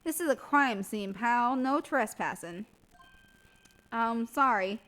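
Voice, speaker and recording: A woman voicing a bumbling male police detective, reading game lines in a louder, slower, blustering voice. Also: on the high side, poor audio. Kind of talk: reading game dialogue aloud in character.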